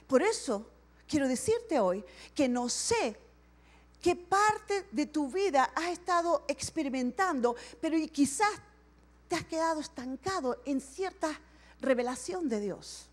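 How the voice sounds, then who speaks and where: Woman pastor, high voice, lively church sermon, acts out little dialogues. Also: measured pace. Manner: animated preaching, acting out little dialogues. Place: church service.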